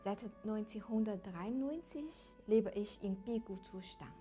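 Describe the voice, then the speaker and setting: Woman from China, mellow halting voice. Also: medium pitch, faint music behind. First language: Chinese. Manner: halting non-native German with many fillers. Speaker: qigong teacher. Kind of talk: interview. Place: indoor room with large windows. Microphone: lapel.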